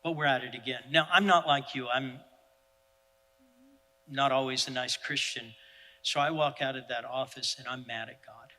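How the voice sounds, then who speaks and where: Bright-voiced man preaching a story. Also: medium pitch, normal speed, long pauses, big-room sound, low-quality recording. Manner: animated, self-deprecating storyteller. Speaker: pastor. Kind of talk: sermon storytelling.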